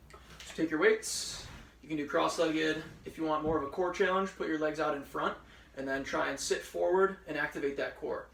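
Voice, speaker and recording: A man's voice: a little high, vocal fry, roomy sound, recorded from a distance. A man leading a workout class, cueing each exercise step by step with encouragement, a little out of breath. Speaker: fitness instructor. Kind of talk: workout instruction. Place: room at home with a ceiling fan.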